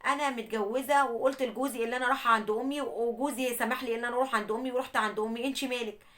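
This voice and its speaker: A woman with an Egyptian accent voicing an indignant young married woman who defends herself quickly. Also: on the high side, steady tone, fairly bright tone, lightly acted. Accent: Egyptian Arabic.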